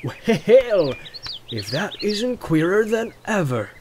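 A man voicing a gruff, hearty hobbit farmer in a storybook reading, with a growl and rustic, folksy talk. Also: on the high side, very animated, normal speed, a little hiss or hum. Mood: surprised. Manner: rustic, folksy turns of phrase. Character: gruff, hearty, thick-set hobbit farmer, suspicious but welcoming.

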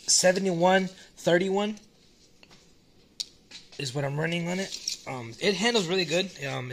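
Relaxed man rambling with many ums. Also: on the high side. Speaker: RC car hobbyist. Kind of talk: casual off-the-cuff vlog. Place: small indoor room at home.

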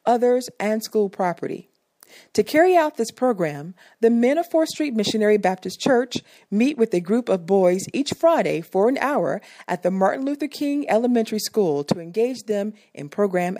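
A woman reads a scripted narration slowly and formally. Her voice sits fairly high and sounds mellow. The recording is dry and close, with no room sound. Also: no echo. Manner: measured, formal reading. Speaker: narrator of a church anniversary video.

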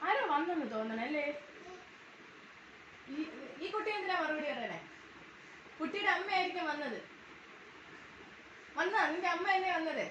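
Playing a mom in a homemade skit, a woman uses a shrill, piping voice and sing-song baby talk to coax and scold little ones. She's animated, talks at normal speed and pauses often, sounding distant in a reverberant room full of household sounds.

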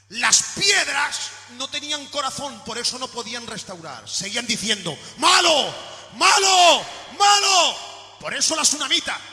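Impassioned preacher man, very high bright voice. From Spain. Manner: impassioned preaching, shouting peaks then dropping low. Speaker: pastor. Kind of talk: sermon. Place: church hall. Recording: echoey church hall recording with faint music.

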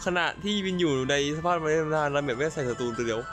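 Brief: young man, gaming host, excitable gacha commentary, slightly high, game music under him. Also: quick pace. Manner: excitable, frequent exclamations; polite, ends lines with formal particles. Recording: game music playing behind.

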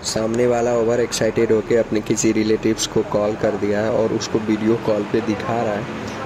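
A man's voice: medium pitch, poor audio. A man narrating a casual travel vlog from inside a moving bus, chatting to viewers about the mountain scenery. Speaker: travel vlogger. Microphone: handheld camera by the bus window. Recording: clear vehicle noise behind. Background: bus engine and road noise.

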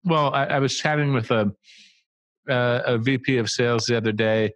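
Speaking at a normal speed, the middle-aged man has a medium pitch and a somewhat bright tone, captured dry. As a guest on an interview, the marketing agency co-founder lays out ideas thoughtfully and conversationally, often restarting or adding asides, through a studio mic on a boom arm, headphones on, in a small room.

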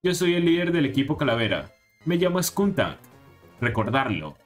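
A man's voice: fairly high pitch, big pitch swings, moderate pace, soft background music. A man voicing a smug male skunk who leads a gang, speaking boastfully.

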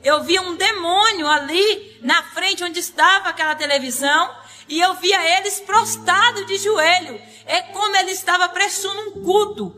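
A high-pitched woman tells her religious testimony in an earnest, dramatic, tearful way. Her voice is bright and clear, and soft music plays faintly behind her. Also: normal speed. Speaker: missionary giving a testimony.

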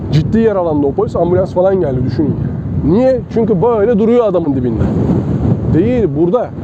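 Outdoors, with faint traffic and a dull, lo-fi sound, a man teaching self-defense demonstrates moves on a partner while chatting casually with his students. He has a high voice, talks fast, and is very animated.

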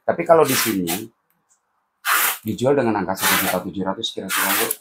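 A man's voice: lowish voice, quick pace, very noisy. A man co-hosting a casual sales chat, hyping prices with slang. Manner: lively, hypes deals with slang. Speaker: co-host.

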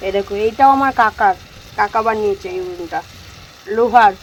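A woman's voice: mid-range voice, fairly quick, muffled recording. Female cooking vlogger, rambling and repetitive, hot and sweaty, outdoor phone recording with sizzling pan and traffic. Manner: chatty, repeats herself, talks softly at times. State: sweaty from the sun. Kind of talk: casual cooking vlog chat. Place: rooftop, outdoors.

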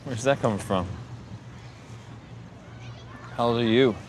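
A man's voice: medium pitch, slow pace, a little hiss or hum, natural voice. An actor in his thirties playing an evasive, dryly sarcastic bartender. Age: 30s. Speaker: burnt-out bartender. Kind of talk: film dialogue.

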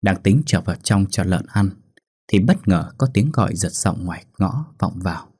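A man who hosts a ghost story channel, narrating a folk ghost tale in a steady, dramatic manner. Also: low voice, moderate pace, husky. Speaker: storyteller host.

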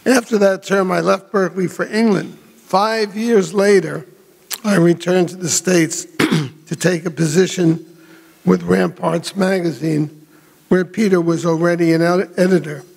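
An older man giving a prepared memorial speech in a measured, reflective way. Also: high-pitched, fairly even intonation, gravelly, a little mellow, husky, in a large hall. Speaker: memorial speaker. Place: hotel ballroom.

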